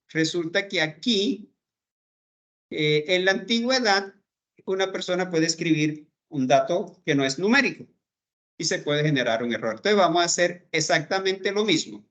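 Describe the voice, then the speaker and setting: Step by step and at a slow pace, a man explains code to his programming class in a screen-recorded lesson, regularly asking "¿verdad?" to check in. His voice is high and slightly bright.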